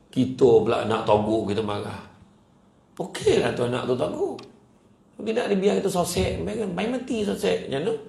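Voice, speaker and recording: A man giving a humorous religious talk, telling lively stories and acting out what people say. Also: medium pitch, gravelly. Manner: lively storyteller, acts out quotes, jokes often. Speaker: preacher. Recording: echoey room with faint ambience.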